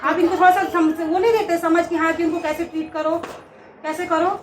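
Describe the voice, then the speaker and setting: A woman's voice: very high voice, level tone, brisk. A young woman in a heated family dispute, insistent and pleading, repeating her points again and again. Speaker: wife in a marital dispute. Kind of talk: heated argument. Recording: echoey room with a crowd around.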